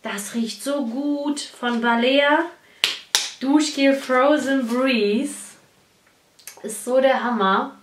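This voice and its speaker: Young girl unboxing stuff, high voice, slow and gushy, echoey room with a bit of hiss. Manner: gushing, excitable, squeals and laughs over gifts. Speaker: beauty vlogger. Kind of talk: casual unboxing vlog. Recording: echoey room, faint noise.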